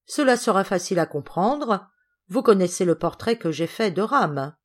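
A woman's voice: medium pitch, animated, normal speed, close to an everyday voice. A woman reading the lines of a prim, indignant lady cousin in an audiobook, precise and accusing.

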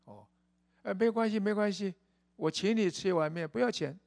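A man voicing a kind old woman who sells noodles in a retold story, speaking gently and coaxingly. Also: medium pitch, brisk, gravelly, pitched above the performer's own voice, lightly acted. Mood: kindly.

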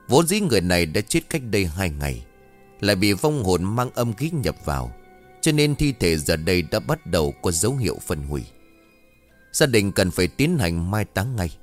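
A man voicing an elderly male exorcist who explains things calmly and gravely. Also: sits low, moderate pace, faint music behind.

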